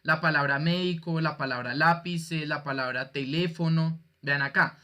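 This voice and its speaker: A man's voice: on the high side, moderate pace, sharp tone. A male teacher giving an online class, patient and jokey, quizzing his students as he explains. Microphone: video call.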